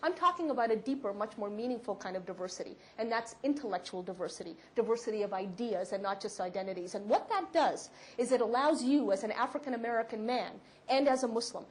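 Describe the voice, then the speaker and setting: High-voiced woman giving an emphatic talk. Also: a little hiss or hum. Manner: animated, emphatic, quick to rebut. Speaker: guest speaker. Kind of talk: lecture and audience Q&A. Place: university lecture hall.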